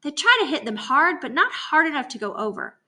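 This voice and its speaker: A woman reading aloud, voicing a sturdy, calm girl who explains things plainly. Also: high voice, fairly quick, voice pushed up, exaggerated voice. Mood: matter-of-fact. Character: sturdy tomboy girl, calm and matter-of-fact.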